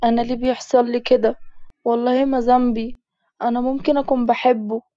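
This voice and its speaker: A hurt but defiant young Egyptian woman speaks in a soft, pleading voice, as a woman narrator puts her on. Her tone is dark and mellow. The recording is dull and dry. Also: fairly high pitch, little pitch movement, fast talker, dry recording, voice pushed up, close to an everyday voice. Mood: tearful.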